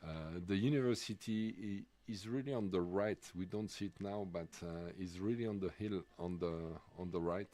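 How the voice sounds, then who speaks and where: Deep-voiced Swiss man with French accent. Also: steady tone, warm tone. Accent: French-speaking Swiss. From Switzerland. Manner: halting, many fillers and restarts. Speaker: race commentator. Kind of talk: live sports commentary.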